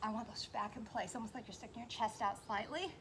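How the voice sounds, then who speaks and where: A woman leading a workout while exercising along, somewhat breathless, giving short form cues and steady encouragement. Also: on the high side, fast, slight background noise. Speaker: fitness instructor leading a workout. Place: indoors on carpet.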